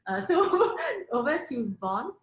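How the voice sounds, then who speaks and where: A woman's voice: a little high, very animated, takes it slowly. A woman moderating a panel, introducing guests with many fillers and restarts. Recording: roomy echo.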